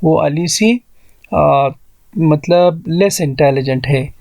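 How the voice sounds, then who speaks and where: A man teaching an English grammar lesson, explaining rules slowly and spelling words out syllable by syllable. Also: fairly high pitch, gravelly, darkish tone, no room sound. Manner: mixes Hindi-Urdu explanation with read-out English rules.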